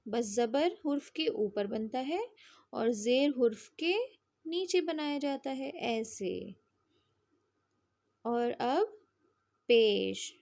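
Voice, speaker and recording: Slow, high-voiced woman teaching children. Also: creaky, a little mellow. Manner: patient, drawn-out spelling drills with frequent check-ins.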